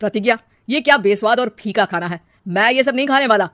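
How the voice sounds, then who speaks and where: A woman's voice: a little high, lively intonation, quick pace, fairly bright tone, no room sound, clean studio sound. A woman voicing a blunt young husband in a cartoon family drama. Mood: annoyed. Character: irritable young husband, grumbling about food.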